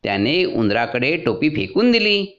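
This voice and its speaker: A man narrating a children's story in a lively storytelling manner. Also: on the high side, moderate pace, lo-fi sound.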